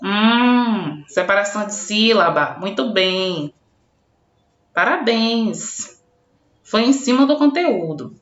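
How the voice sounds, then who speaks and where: A woman's voice: medium pitch, expressive. Woman teacher, recorded lesson, patient classroom delivery, roomy echo. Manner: addresses imagined pupils by name, answering for them; slow, spelled-out classroom explanation. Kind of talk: recorded online grammar lesson. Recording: roomy, dull lo-fi home recording.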